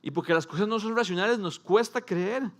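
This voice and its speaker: Emphatic preaching man, rather high voice. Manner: preaches in short emphatic phrases, dramatic pauses; rises into animated, emphatic storytelling. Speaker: pastor. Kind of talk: sermon. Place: church service before a congregation.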